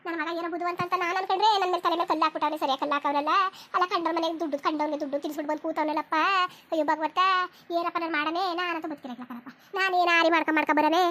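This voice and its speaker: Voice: very high-pitched, fairly even intonation, rapid-fire, few pauses, pushed and bright. A cartoon voice of an elderly village mother, lamenting and scolding her son over and over. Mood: wailing. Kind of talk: cartoon voice acting.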